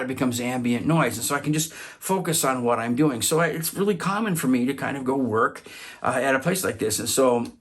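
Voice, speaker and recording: Man, personal storytelling, mid-pitched voice, halting, repeats and restarts. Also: a bit bright.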